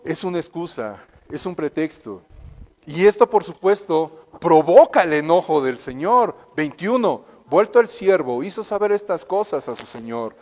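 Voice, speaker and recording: A man's voice: fairly high pitch, sing-song, moderate pace, darkish tone, long reverb tail. A man giving a Bible lesson, earnest and personal, acting out excuses and prayers in quoted voices. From Mexico. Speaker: Sunday school teacher.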